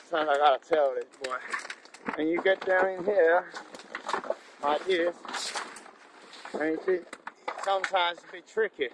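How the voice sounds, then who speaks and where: An actor playing a scruffy, eccentric drifter who rambles and drawls in a character comedy outdoors. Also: male voice, fairly high pitch, noisy background, natural voice. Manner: rambling, drawling, calls everyone "boy".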